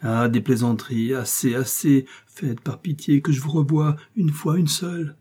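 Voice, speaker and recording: Reader doing ardent young suitor, pleading, husky mellow tone. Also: male voice, mid-range voice, little pitch movement, moderate pace, close to an everyday voice. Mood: begging.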